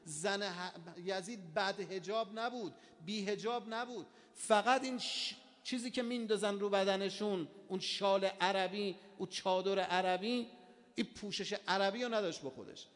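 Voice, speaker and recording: Impassioned high-voiced male preacher. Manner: impassioned, swings between hushed and loud. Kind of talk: sermon. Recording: long hall reverb.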